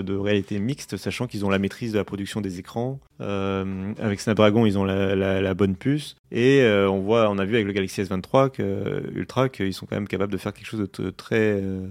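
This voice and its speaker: A man's voice: fairly low pitch, vocal fry, darkish tone. A young man in casual live-stream chat about tech, hesitant, with many fillers and restarts. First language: French.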